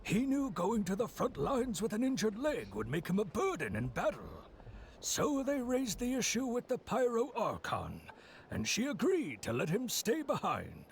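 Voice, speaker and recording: An actor voicing a gravelly old male villager in a video game, recounting events in a measured, solemn way, with game music playing behind. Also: high-pitched, wildly swooping pitch, slight background noise, exaggerated voice. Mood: somber recounting. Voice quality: gravelly, creaky.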